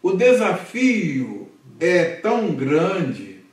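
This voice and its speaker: A man's voice: sits high, sing-song, drawn-out words. A Brazilian man teaching a Hebrew literacy class, patiently drilling syllables aloud and checking in with his students. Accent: Brazilian Portuguese. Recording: echoey room recorded from a distance.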